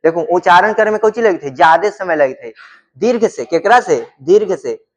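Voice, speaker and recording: A man's voice: high-pitched, animated, moderate pace. A man teaching in a classroom-style lecture, asking questions and answering them himself, and drawing out sounds to demonstrate them.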